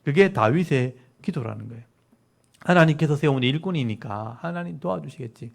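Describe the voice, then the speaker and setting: A man's voice: a little high, expressive, a little fast, gravelly. A man preaching a sermon as pastor, reading verses aloud and explaining Hebrew words to his congregation.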